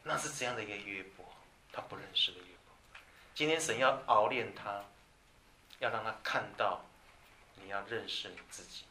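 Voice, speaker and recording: A man delivers a sermon in a crisp, bright voice. He moves between soft, intimate asides and loud, emphatic lines. He sounds roomy and a little distant from the mic, with faint ambience behind him. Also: lowish voice, normal speed, long pauses, a little hiss or hum. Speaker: preacher. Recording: echoey room from a distance.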